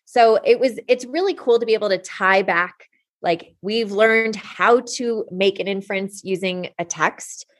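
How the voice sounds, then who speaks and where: Woman, young adult, teacher, podcast guest, animated storytelling, laughs a lot, middle pitch. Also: measured pace. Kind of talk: conversational interview.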